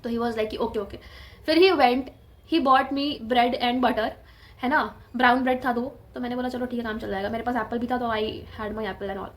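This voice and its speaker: High-voiced chatty young woman vlogging. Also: fairly even intonation, moderate pace. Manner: chatty, laughs often, mixes English into Hindi. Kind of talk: casual storytelling vlog.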